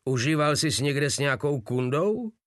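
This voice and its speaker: A man's voice: a little high, expressive, no room sound, studio quality, pitched above the performer's own voice, natural voice. A man voicing a big, crude male soldier who jokes in a mocking way, in a storybook reading.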